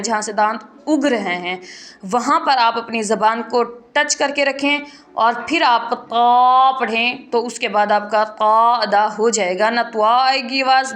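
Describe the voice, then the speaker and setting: A woman's voice: a little high, fairly bright tone. A woman teaching a tajweed lesson, patiently explaining rules and drawing out letter sounds to demonstrate them. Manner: patient, repeats points, demonstrates letter sounds slowly and clearly. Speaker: Quran recitation teacher.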